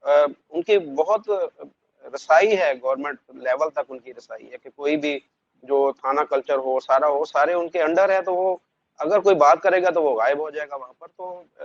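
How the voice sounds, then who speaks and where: A man, speaking earnestly and in a measured way, with frequent hesitations. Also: on the high side, dull audio. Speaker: guest from Pakistan. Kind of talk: conversational discussion.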